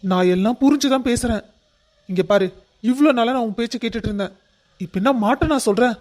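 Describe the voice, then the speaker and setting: A protective father in a cartoon family drama, his voice pitched rather high for a man, as a man acts him out. He lays down the law firmly and will not back down. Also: a little fast, darkish tone. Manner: firm, commanding. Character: middle-aged father, firm and protective.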